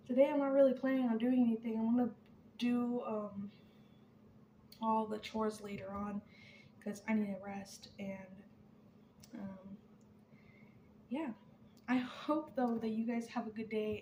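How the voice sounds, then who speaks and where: A young woman talking candidly to camera, rambling and trailing off softly, a little out of breath. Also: fairly high pitch, reverberant, lo-fi sound, slight background noise. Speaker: vlogger. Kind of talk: casual chat to camera.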